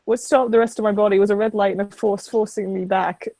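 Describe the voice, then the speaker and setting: A woman's voice: mid-range voice, fairly even intonation, fast talker, warm tone, no room sound. A woman reading visual novel narration aloud in a dramatic storytelling style. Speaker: narrator in a group read-along.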